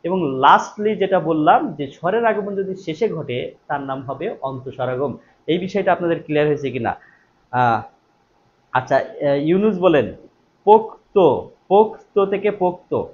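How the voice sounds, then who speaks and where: A man's voice: on the high side, lively intonation, moderate pace, pauses often. A man teaching a live online exam-prep class, repeating each question and then answering it himself, stressing key words. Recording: dull lo-fi stream audio with faint noise.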